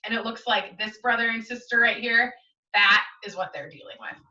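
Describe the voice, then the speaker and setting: At normal speed and a little high in pitch, a US school teacher runs a storytime for young children from her home, using a lively sing-song delivery and asking them questions throughout. The sound is slightly dull, with roomy echo from a distant mic.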